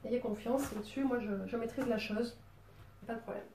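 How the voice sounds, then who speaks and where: A playful woman with a southern French, Marseille accent talks through a drawing tutorial in a loose, chatty way, with plenty of little fillers. Her voice is dark and mellow, and it sits a bit away from the mic in a roomy, echoey space. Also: a little high, steady tone, normal speed, recorded from a distance, slight background noise. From Marseille, southern France. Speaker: drawing teacher.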